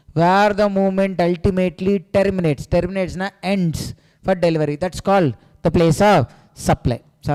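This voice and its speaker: A man's voice: on the high side, a little mellow, clean tone. South Indian male teacher, echoey room. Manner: repeats key phrases, often addresses listener as sir. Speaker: tax exam coaching teacher. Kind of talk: revision lecture with self-answered questions. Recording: echoey hall-like reverb.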